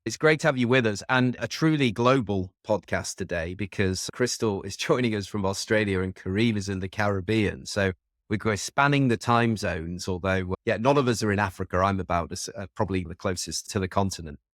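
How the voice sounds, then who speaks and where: A man's voice: on the low side, brisk, no echo, studio quality. A man hosting a podcast interview, welcoming and upbeat as he introduces his guests. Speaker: podcast host.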